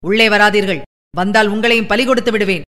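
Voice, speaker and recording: A woman narrator voicing a frightened young village man who shouts in agitation. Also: medium pitch, fairly even intonation, fairly quick, big-room sound, natural voice. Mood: frantic.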